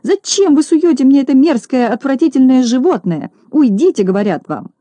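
A woman's voice: sits high, expressive, normal speed, dark tone, no room sound, pitched above the performer's own voice. A woman voicing a haughty, fussy rich lady in an audiobook, shrieking and scolding melodramatically. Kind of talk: audiobook character reading.

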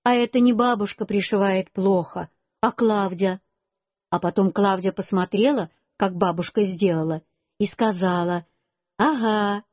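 A woman's voice: medium pitch, moderate pace, no room sound. A woman reading a children's story aloud in plain storytelling, told in a little boy's first person. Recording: dull lo-fi recording.

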